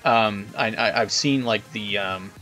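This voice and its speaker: A man's voice: fairly low pitch, unhurried, sharp tone, soft background music. A man hosting a casual video interview, chatting informally and wordily with some swearing. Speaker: host of a video channel.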